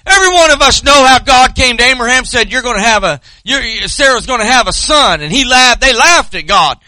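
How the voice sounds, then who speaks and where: Casting: male preacher, forties, Southern US accent, very high forceful voice, folksy storytelling sermon delivery. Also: lively intonation, fairly quick, no echo. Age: 40s.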